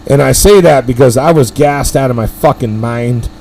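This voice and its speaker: A middle-aged man with a gravelly, creaky voice, swearing freely as he rambles through a story. He hosts a casual powerlifting live stream and hammers home his points with emphatic words. His pitch sits in an ordinary middle range. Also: moderate pace, darkish tone.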